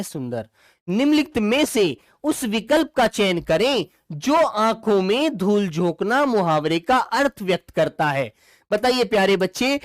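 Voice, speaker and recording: The speaker is a Hindi teacher whose high-pitched voice is captured at studio quality with no echo. During his live online exam-prep session, he speaks to the students affectionately as dear children and answers their comments as he goes.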